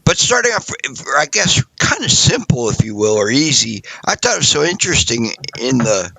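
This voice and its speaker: A man's voice: mid-range voice, big pitch swings, normal speed, vocal fry, bright, forceful tone. A man co-hosting a casual podcast, talking in long rambling sentences full of hedges. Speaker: podcast co-host.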